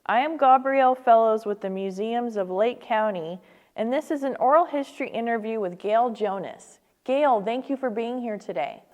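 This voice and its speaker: Higher-voiced woman interviewer. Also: normal speed, a little mellow. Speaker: oral history interviewer. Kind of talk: prepared interview questions.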